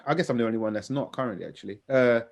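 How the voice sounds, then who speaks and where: A man's voice: mid-range voice, rapid-fire, vocal fry. A man with a London roadman accent and urban slang, hosting a podcast in casual banter. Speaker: podcast host.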